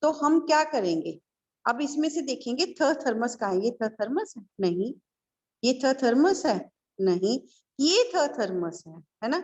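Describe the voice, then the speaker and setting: Woman teacher w north indian hindi accent, slow sing-song kid lesson, kinda high voice. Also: very animated, a little mellow, breathy edge. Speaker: kindergarten teacher. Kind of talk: online kindergarten lesson.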